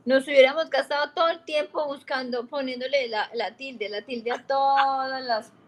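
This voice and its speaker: High-voiced female student asking questions. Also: steady tone, moderate pace. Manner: tentative, asks for confirmation.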